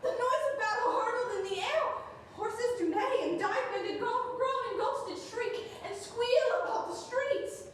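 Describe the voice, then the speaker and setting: A woman's voice: very high voice, measured pace, hardly any pauses. A young woman playing Caesar's fearful wife on stage, speaking urgently and pleadingly, recorded from a distance in a very echoey theatre. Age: young adult. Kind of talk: stage Shakespeare acting. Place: indoor arena theatre stage. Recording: distant mic, very echoey theatre, faint noise.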